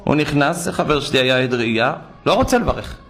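Gravelly, animated older male preacher. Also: mid-range voice. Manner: animated, acts out quoted speech. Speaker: rabbi preacher. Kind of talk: sermon with storytelling.

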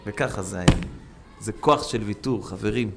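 A man preaching a sermon with stories, swinging between loud urging and hushed asides, and calling his listeners friends. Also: on the low side, vocal fry, very noisy.

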